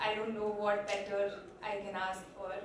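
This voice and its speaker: A woman giving a thank-you speech on stage at a film launch, switching between Tamil and English, pausing often with fillers. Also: medium pitch, little pitch movement. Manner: unhurried, with many pauses and fillers. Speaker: actress speaking at a film launch. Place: large event hall. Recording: echoey hall from far off with crowd.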